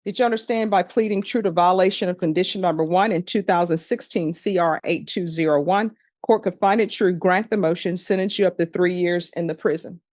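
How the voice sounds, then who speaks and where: A woman judge in a courtroom recording, formally reading case numbers and charges in a measured, procedural way. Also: on the low side, darkish tone, no room sound. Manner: measured, procedural, repeats formulaic questions.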